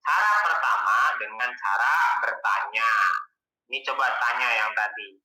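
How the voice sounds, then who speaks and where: A man tutoring for an exam in a relaxed, colloquial way, asking questions and answering them himself. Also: fairly low pitch, normal speed. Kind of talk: casual exam-prep lesson. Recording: echoey room, distant mic.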